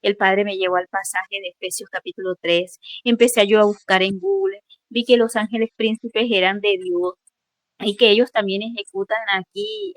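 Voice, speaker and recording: A woman giving a fervent, halting spoken testimony in a class, with many restarts. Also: mid-range voice, fairly bright tone, no echo. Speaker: student sharing a testimony.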